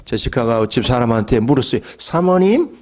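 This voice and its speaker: A middle-aged man preaching a Sunday sermon as pastor, dropping to quiet asides and rising to emphatic calls, often asking the congregation questions. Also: big pitch swings, moderate pace. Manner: swings between low quiet asides and raised emphatic calls.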